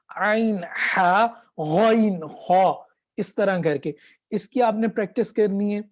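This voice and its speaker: A man teaching Quran letter pronunciation in a patient lesson style, stretching out the throat sounds slowly as he demonstrates them. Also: sits high, darkish tone.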